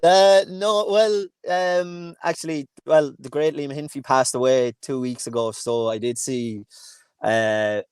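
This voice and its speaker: A man's voice: mid-range voice, fairly even intonation, measured pace, darkish tone, smooth, dry recording. A man from Kilkenny with an Irish accent, chatting casually as a podcast guest, rambling with many restarts and fillers. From Ireland, Kilkenny. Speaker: guest, hurling coach in Antrim.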